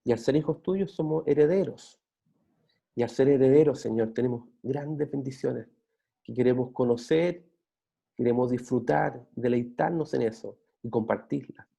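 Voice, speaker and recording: A man's voice: mid-range voice, normal speed, vocal fry, husky. A man, a pastor delivering an earnest sermon with fillers and restarts, then praying. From Chile. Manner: earnest, steady preaching with frequent restarts and fillers. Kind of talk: sermon closing in prayer. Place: church.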